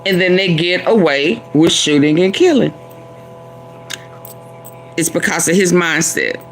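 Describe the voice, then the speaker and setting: A woman hosting, commenting on clips she played, halting with restarts. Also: on the low side, soft background music, poor audio.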